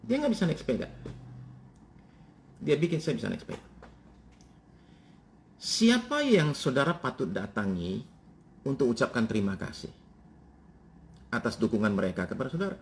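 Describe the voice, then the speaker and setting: A pastor preaching in a church and telling stories from his childhood. His voice sits at a middle pitch and leaps higher when he quotes his mother and father. A faint hiss of background noise runs under the sermon. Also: normal speed, long pauses. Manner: storytelling, lively swings in pitch, quoting family members.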